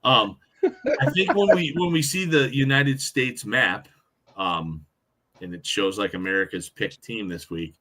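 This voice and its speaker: A man co-hosting a casual sports podcast, joking and swearing, quick to take back his own digs. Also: lowish voice, bright, forceful tone. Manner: joking, profane, backpedaling banter. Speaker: podcast co-host.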